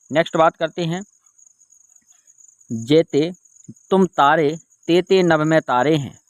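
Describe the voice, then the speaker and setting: A man's voice: on the high side, a bit bright, no echo. A man teaching an online exam-prep lesson, repeating key terms and asking and answering his own questions. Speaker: Hindi exam tutor.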